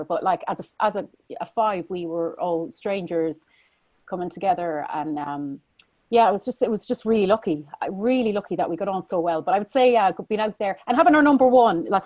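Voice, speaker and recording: An Irish woman in her thirties chatting as a guest in an interview, rambling warmly with many fillers and restarts. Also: fairly low pitch, no echo. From Ireland. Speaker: guest singer. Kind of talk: casual interview chat.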